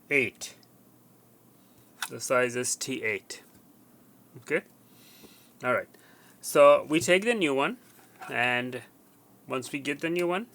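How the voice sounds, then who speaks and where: With a mid-range voice and a fairly bright tone, a man presents an unscripted tech repair demonstration. He speaks informally and conversationally, repeating words for emphasis.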